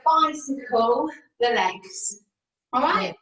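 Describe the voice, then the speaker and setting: A woman's voice: high voice, expressive, slow pace, pushed and bright. A woman leading an online exercise class, speaking in an informal, encouraging way as the instructor. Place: indoor room, video call. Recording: roomy echo, far from the mic.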